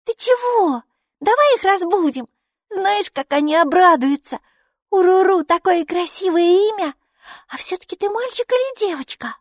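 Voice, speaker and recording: Speaking well above her natural register at an extremely high pitch, a woman performs the role of a chatty, cheerful six-year-old girl for an audiobook. Her moderate-paced lines brim with eager, excited questions, captured in a studio with no echo.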